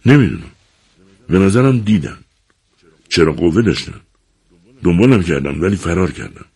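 Guy doing a tense young farm guy, defensive, gravelly, storybook reading. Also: low voice, sing-song, darkish tone, pitched above the performer's own voice, heavily acted. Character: troubled young farm man on the run.

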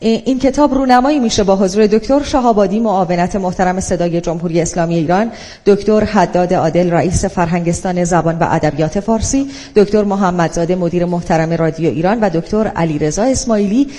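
A woman with a dark, soft-edged tone works as a radio host. She presents a live broadcast in a formal style. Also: lowish voice.

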